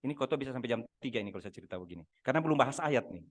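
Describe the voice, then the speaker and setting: An older man preaching a sermon over a video call, telling stories lively and acting out the dialogue. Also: mid-range voice, rapid-fire. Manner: animated storytelling, acting out dialogue. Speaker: pastor.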